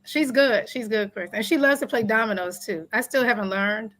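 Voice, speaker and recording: Lady chatting casually on a show, voice on the higher side. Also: moderate pace, fairly bright tone, poor audio. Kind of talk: casual chat. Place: parents' home, remote call.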